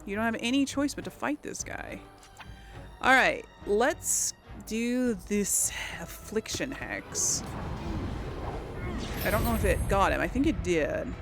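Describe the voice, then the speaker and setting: A woman with a medium-pitched, lively voice takes her time as she casually narrates her own moves in a let's play. She's a gamer hosting the video, and game music plays behind her.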